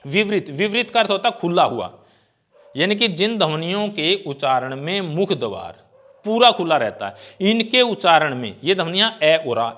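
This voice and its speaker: A man gives an exam-prep grammar lecture in a slightly high voice. He keeps asking rhetorical questions and answering them himself. He stretches out vowel sounds as he demonstrates them. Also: sharp tone. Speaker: teacher.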